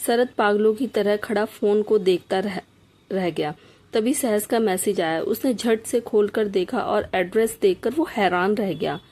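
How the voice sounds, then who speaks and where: A woman's voice: medium pitch, unhurried, darkish tone. Woman narrating a heartfelt story.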